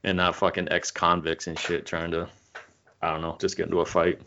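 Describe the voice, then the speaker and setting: Man, very low voice, relaxed profane banter, muffled lo-fi audio. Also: brisk. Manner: laid-back, profane banter. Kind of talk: casual chat. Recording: dull lo-fi sound.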